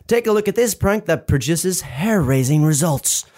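A man's voice: a little high, expressive, moderate pace, a little mellow, close to an everyday voice. A man voicing a second morning news presenter with wry banter.

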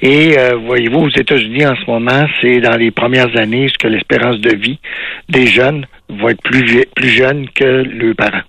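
Gravelly Québécois doctor explaining slowly. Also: male voice, medium pitch, fairly even intonation, bright, forceful tone, no echo, low-quality recording. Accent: Québécois French. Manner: measured, explanatory, slow pauses. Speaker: cardiologist guest. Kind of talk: radio interview.

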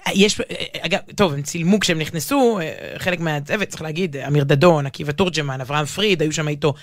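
A low-pitched woman with an Israeli accent co-hosts a casual talk show, speaking emphatically in animated conversation. She often breaks off mid-sentence to rephrase. The audio is studio quality with no room sound.

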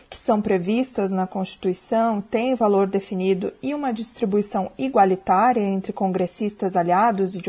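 Husky Brazilian woman reading news. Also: mid-range voice, a little mellow. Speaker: news reporter. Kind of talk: scripted radio news report.

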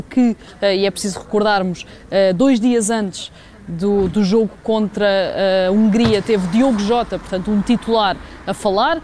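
A woman's voice: mid-range voice, a little mellow. Sports reporter, woman, European Portuguese accent. Live, unscripted updates with mid-phrase hesitations, slight ambient noise. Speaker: sports journalist, special correspondent. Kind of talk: live spoken report, semi-spontaneous.

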